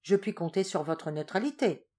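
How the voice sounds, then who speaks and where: A woman's voice: lowish voice, lively intonation, moderate pace, warm tone. A woman voicing an anxious, desperate noble father in a storybook reading, speaking with urgent, fervent pleading.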